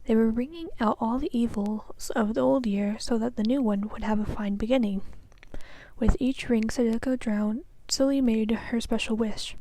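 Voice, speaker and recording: A woman student reading a children's novel aloud in a careful, soft, breathy manner, with occasional small slips. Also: fairly high pitch. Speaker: student reader.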